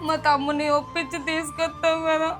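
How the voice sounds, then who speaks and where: A woman playing a high, tearful young pregnant wife. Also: flat delivery, fairly quick, a bit bright, faint music behind. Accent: Telangana Telugu. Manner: tearful, pleading. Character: young pregnant wife grieving her family's rejection. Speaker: actor. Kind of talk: village short film acting.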